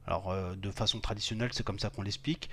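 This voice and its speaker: An electrical instructor with a lowish, steady, fairly bright voice talks fast over soft background music in a screen-recorded tutorial on electrical wiring. He thinks aloud as he clicks through each step on screen, with lots of hesitations and fillers.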